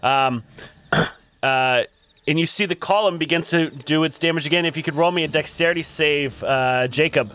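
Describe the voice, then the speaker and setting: A man narrating as dungeon master, with a halting manner full of fillers. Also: a little high, a bit bright, a little hiss or hum. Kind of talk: narrating a tabletop game.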